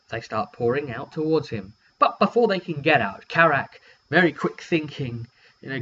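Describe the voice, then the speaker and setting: Here a game master recaps a tabletop roleplaying session in a loose, wry ramble, voicing brief quotes as he tells it. His voice sits in the mid range with a slightly bright quality. It's captured on a dull, humming lo-fi microphone.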